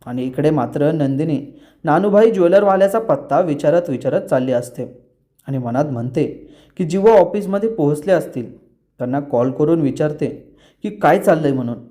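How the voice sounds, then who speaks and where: A man's voice: fairly high pitch, animated, moderate pace, warm tone. A man reviewing a TV serial episode who retells the plot and speaks directly to his viewers. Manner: storytelling, addressing viewers directly. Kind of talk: episode recap narration.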